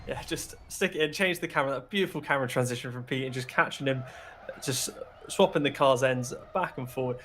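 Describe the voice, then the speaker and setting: A man's voice: medium pitch, a little fast, fairly bright tone, slight background noise. A man doing color commentary on sim racing, chatty and joking in his analysis.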